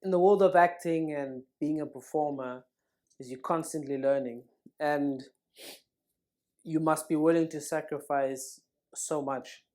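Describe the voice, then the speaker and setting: A man's voice: on the high side, steady tone, measured pace, darkish tone. A young man, co-hosting a casual podcast, laid-back and joking. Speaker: podcast co-host. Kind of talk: casual chat.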